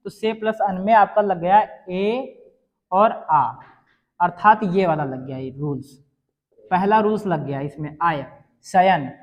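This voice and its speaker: A man teaching a grammar lesson, sounding out words slowly and asking the viewer whether they understood. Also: sits high. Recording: dull lo-fi sound.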